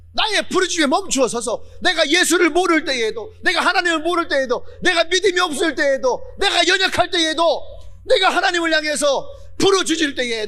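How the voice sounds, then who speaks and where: High, lively-voiced man preaching fervently. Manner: fervent preaching with repeated phrases, building to shouts. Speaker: pastor. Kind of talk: sermon.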